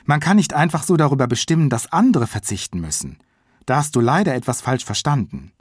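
A man's voice: mid-range voice, big pitch swings, a little fast, husky, dry recording, studio quality, pitched above the performer's own voice. A man reading an audiobook, voicing an exasperated mother who scolds her son. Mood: scolding. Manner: scolding, exclaiming.

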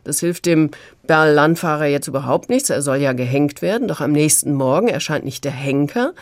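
A woman's voice: deep voice, moderate pace, no echo. Woman, radio book critic, engaged, fluent, dry studio sound. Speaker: literary critic.

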